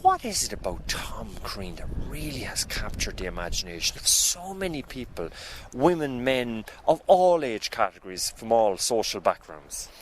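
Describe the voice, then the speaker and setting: A man's voice: mid-range voice, big pitch swings, normal speed, hardly any pauses, a little hiss or hum. A man presenting a radio documentary and interviewing locals with friendly, leading questions.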